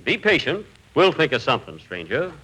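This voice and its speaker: An actor playing a calm, folksy western cabin dweller in a dry radio comedy style. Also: male voice, a little high, fairly quick, slightly rough, exaggerated voice. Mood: calm, obliging. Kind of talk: 1930s-40s radio comedy acting. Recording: noisy old radio recording.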